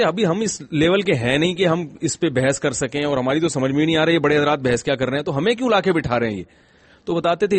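A middle-aged man, an Islamic scholar giving a conversational religious talk in a gentle, humorous storytelling manner with rhetorical questions. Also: fairly high pitch, no room sound.

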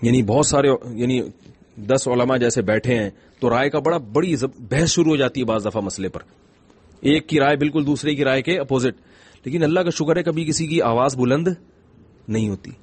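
A middle-aged Islamic scholar with a husky, medium-pitched voice is heard with no room sound. He gives a conversational religious talk, telling stories in a gentle, humorous way and asking rhetorical questions.

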